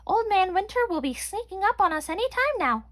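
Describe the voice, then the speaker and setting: A tiny, busy chipmunk girl chatters in a squeaky, very high voice, as a woman puts her on. She sounds bright and hurried, a storybook critter gathering her nuts. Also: very animated, heavily acted. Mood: chirpy.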